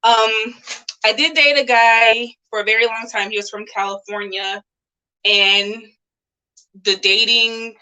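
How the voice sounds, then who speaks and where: A woman's voice: fairly high pitch, steady tone, unhurried, pushed and bright, clear, resonant tone, poor audio. A woman interviewing in a casual live chat over a video call, talking in a rambling way with lots of "like".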